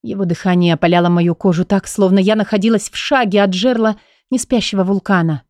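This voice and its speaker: Female audiobook narrator, intimate emotional first-person reading, warm tone, dry booth sound. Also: mid-range voice, fairly quick, dry recording.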